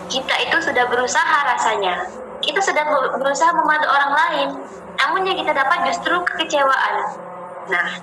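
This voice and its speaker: High-voiced woman giving a religious talk. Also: noisy background. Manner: gentle, repeats phrases, often addresses listeners as friends. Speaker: ustadzah leading a religious study session. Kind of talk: informal Islamic study talk. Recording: roomy sound with music playing behind.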